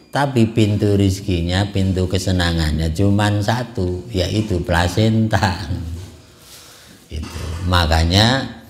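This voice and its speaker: A middle-aged man giving a casual sermon in a small prayer hall, full of rhetorical "ya kan" asides and light chuckles. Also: fairly low pitch. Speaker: ustadz giving a religious study talk.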